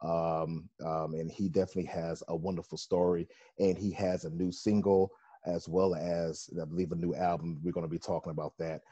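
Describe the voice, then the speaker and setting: A male radio host running a casual interview, his voice very low and warmly mellow. He rambles, circling back through fillers and restarts before landing on his questions, with a husky grain throughout. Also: flat delivery, brisk.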